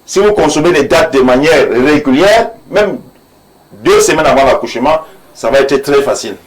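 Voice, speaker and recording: A man's voice: on the high side, animated, normal speed, low-quality recording. A man, an imam speaking earnestly and preachily in a studio debate, repeating phrases for emphasis. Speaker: imam, panel guest.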